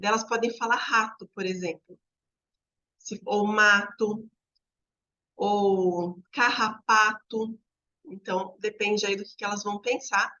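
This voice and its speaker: A woman's voice: mid-range voice, fairly even intonation, bright, forceful tone, muffled recording. Woman explaining examples to teachers. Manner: talks viewers through examples, drawing out sample words slowly. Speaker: teacher trainer.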